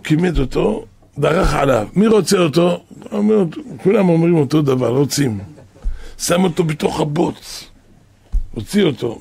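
A man's voice: on the high side, creaky, breathy edge. A man preaching a storytelling sermon who acts out the voices of the people in his stories.

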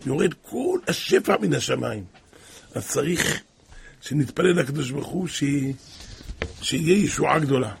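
A male preacher delivers a sermon in a raspy, husky voice with a gravelly edge. He is impassioned, dropping to near hushes and then rising to cry out. His voice sits high for a man. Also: very animated, long pauses. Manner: impassioned, swings from hushed to crying out.

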